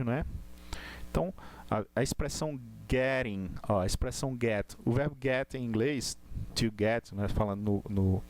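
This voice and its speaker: A man's voice: medium pitch, a little mellow. A man teaching an English class live online, explaining step by step with frequent tag questions and restarts.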